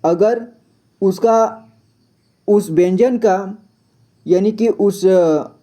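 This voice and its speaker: A man teaching a reading lesson in a patient, casual way, repeating words slowly and spelling them out letter by letter, with a frequent "okay" between steps. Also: sits high, warm tone. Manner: fills gaps with a frequent 'okay'.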